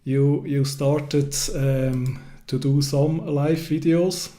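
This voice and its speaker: A man hosting a casual interview, speaking hesitantly with many pauses and restarts. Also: a little high, little pitch movement, mellow. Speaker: host.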